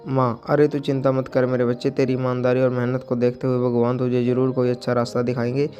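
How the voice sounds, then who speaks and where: Brief: soothing old mother, flat even delivery, voiced by a man. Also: mid-range voice, fast, highs cut off, soft background music, natural voice. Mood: tender. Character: old widowed mother, gentle and caring. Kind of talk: storybook character voice.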